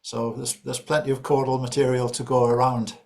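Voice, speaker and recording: A man's voice: medium pitch, flat delivery, normal speed, vocal fry, darkish tone. A man interviewing a guitarist, asking long, knowledgeable questions.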